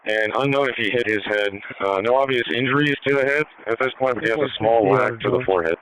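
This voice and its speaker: A man's voice: mid-range voice, fast talker, a bit bright, clean tone, poor audio. A man giving a methodical, matter-of-fact patient report as a medic over a two-way radio.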